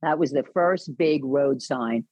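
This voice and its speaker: A woman guest on an interview podcast, telling a personal story in an earnest, animated way with many restarts. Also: low voice, measured pace, dry recording, highs cut off. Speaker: podcast guest, caregiving advocate.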